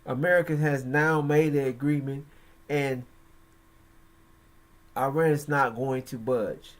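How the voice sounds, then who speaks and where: A man hosting religious and political commentary, speaking in a halting, emphatic way with frequent pauses. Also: mid-range voice, steady tone. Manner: slow, halting, emphatic delivery. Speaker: host.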